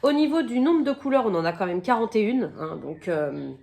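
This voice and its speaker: A woman chatting casually through an unboxing, her voice a little croaky from a cold, filling pauses with "donc" and "euh" and stopping now and then to cough. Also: a little high, lively intonation, mellow, a little hiss or hum. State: has a cold, slightly croaky voice. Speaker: crafting vlogger.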